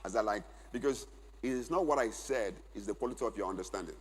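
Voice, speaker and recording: Speaking fast in a lowish voice, this middle-aged conference speaker delivers a forceful lesson to a church men's gathering, going over key phrases again for note-takers. A little hiss or hum sits under the recording, and the big church hall adds a long echo.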